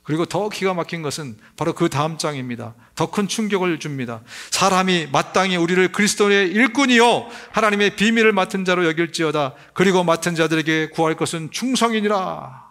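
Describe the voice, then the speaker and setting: A middle-aged man preaching a sermon in a notably high voice. He speaks with emphatic, rising force and raises his voice further when he acts out crying babies. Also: a little fast, few pauses, fairly bright tone. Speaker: pastor.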